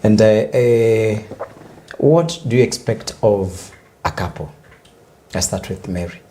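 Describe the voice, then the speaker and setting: Mellow Kenyan talk show host. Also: male voice, fairly low pitch, slow pace. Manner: prompting with steady affirming backchannels.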